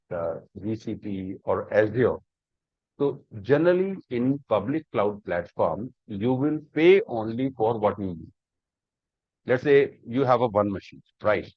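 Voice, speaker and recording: Slightly rough and medium in pitch, this man's voice carries no room sound as he leads a live online lesson on cloud computing. His step-by-step explanations are full of repeats and rhetorical questions, captured in dull, dry lo-fi class audio.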